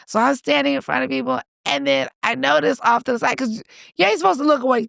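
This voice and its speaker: Animated woman with a gravelly voice. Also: high voice, fast talker, no room sound, clean studio sound. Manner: animated, swears casually, acts out quotes. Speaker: podcast co-host. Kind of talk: casual storytelling chat.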